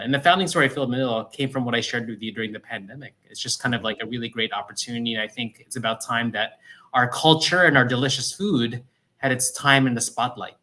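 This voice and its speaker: Man, food founder as interview guest, bright forward voice, upbeat chatty delivery. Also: mid-range voice. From New Jersey, US. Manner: energetic, upbeat storytelling with frequent "right?". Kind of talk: casual interview conversation. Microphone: livestream call microphone.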